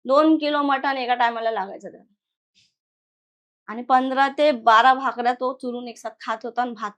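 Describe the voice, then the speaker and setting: A woman's voice: a little high, fairly even intonation, normal speed, fairly bright tone. A young woman from Maharashtra telling a personal horror story conversationally, retelling events with quoted voices. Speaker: guest storyteller. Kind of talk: casual spoken horror story.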